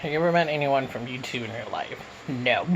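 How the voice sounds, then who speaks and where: A man's voice: medium pitch, expressive, a little fast, noisy background. A man from Canada answering questions in a casual mukbang Q and A, talking with his mouth full as he eats, recorded on a phone. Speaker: YouTuber answering viewer questions.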